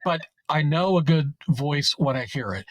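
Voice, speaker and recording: A man's voice: on the high side, lively intonation, moderate pace, no echo. A middle-aged man hosting a podcast, talking earnestly and rambling a bit, often adding "right?". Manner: rambling, earnest, tag questions. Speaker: podcast host. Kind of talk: casual interview.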